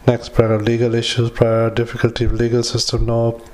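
A man dictating clinical notes as a doctor, in a halting, hesitant, matter-of-fact way with frequent pauses. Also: medium pitch, completely flat delivery, darkish tone. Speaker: doctor dictating a psychiatric evaluation. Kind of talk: medical dictation with spoken formatting cues.

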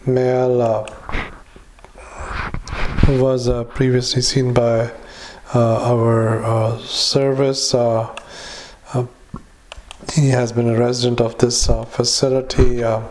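A male clinician dictating clinical notes into a dictaphone recorder, halting with many filler sounds. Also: medium pitch, little pitch movement, a little mellow, slight background noise. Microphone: handheld dictation recorder.

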